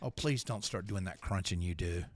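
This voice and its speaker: A man's voice: sits low, moderate pace, dry recording. A man co-hosting a radio talk show, teasing the others in casual studio banter. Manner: teasing, animated. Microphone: studio microphone.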